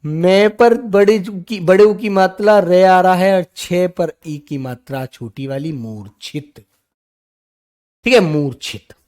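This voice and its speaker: High-voiced man dictating a spelling class. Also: darkish tone, smooth. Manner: dictates words slowly, repeating each one; calls students "बेटा" and "मेरे बच्चों". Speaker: teacher.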